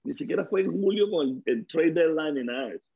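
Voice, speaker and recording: A middle-aged man with a Venezuelan accent, a guest on an interview show, telling stories in a lively way and acting out the dialogue he quotes. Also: on the high side, quick pace, creaky, slightly rough, phone-quality sound. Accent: Venezuelan Spanish. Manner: lively storyteller who acts out quoted dialogue. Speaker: guest, former baseball player. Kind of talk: casual interview storytelling.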